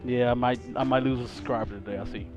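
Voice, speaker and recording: A man's voice: mid-range voice, fairly even intonation, fast. A man chatting casually on a livestream as he plays a flight simulator. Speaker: flight simulator live streamer. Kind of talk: casual livestream chat while flying. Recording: slightly dull audio, faint music behind.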